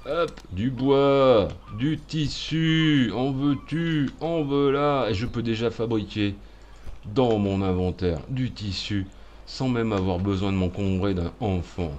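A man's voice: mid-range voice, slow pace, darkish tone. A man hosting a let's-play video, making jokey, sarcastic commentary and muttering asides as he plays. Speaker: gaming video host.

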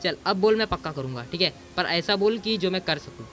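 Gamer guy, casual commentary, bossy and teasing, pitched high, faint music under him. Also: animated, fairly quick, fairly bright tone. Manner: bossy and teasing, mixes in English exclamations. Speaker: gaming YouTuber.

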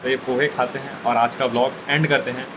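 Walking around the streets and a stadium, a teenage boy narrates a casual vlog into a phone camera at arm's length. His mid-range voice is flat and a bit quick as he chats with viewers, addressing them as "guys," amid outdoor noise.

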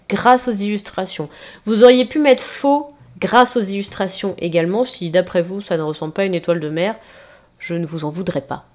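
A woman's voice: mid-range voice, a little mellow. A woman primary school teacher talking her class through the answers of a remote reading and grammar lesson in a patient, explaining way. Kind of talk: remote lesson correcting homework.

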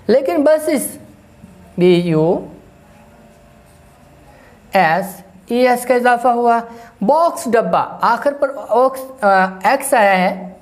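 A woman teaching an English grammar lesson, explaining slowly, repeating herself and spelling words out letter by letter. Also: a little high, a little mellow. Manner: slow, repetitive, spells out letters one by one.

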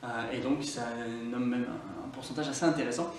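A man with a Scottish accent, an online English teacher giving a chatty, upbeat lesson to camera and repeating key words slowly for learners. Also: mid-range voice, gravelly, a little hiss or hum. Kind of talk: lively language lesson to camera. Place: indoor room, filmed live to camera. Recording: very echoey room, distant mic, faint music.

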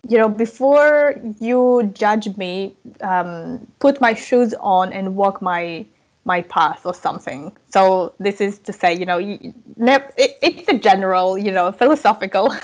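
This medium-pitched woman, recorded roughly, is in her thirties and comes from southern Ukraine, with Russian and Ukrainian as native languages. A language coach appearing as a podcast guest, she chats casually in an interview over a video call from an indoor room, using an earphone headset.

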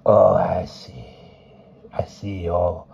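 A man voicing an ancient female fortune teller who speaks slowly and deliberately in rhythmic, cajoling phrases. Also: sits low, flat delivery, vocal fry, dark tone, husky, muffled recording, full character voice. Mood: ominous. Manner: slow, deliberate, rhythmic speech.

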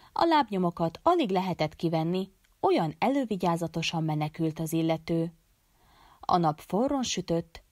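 Woman audiobook narrator, low-pitched, calm measured delivery, dry booth sound. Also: dry recording. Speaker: audiobook reader.

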